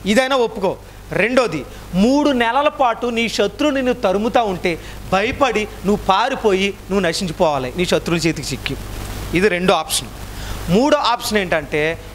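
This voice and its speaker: A man with a very high voice preaches an animated sermon. He fires questions at the congregation and calls on them to answer louder. A faint hiss of noise sits under the recording. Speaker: pastor.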